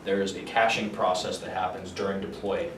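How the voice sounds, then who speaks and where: A man with a fairly low voice explains technical details informally, often halting to think aloud. He sounds some distance from the microphone in an echoey room, with clear rumbling noise behind him. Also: flat delivery. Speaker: engineer giving a technical talk and answering questions. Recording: roomy, far microphone, noticeable low rumble.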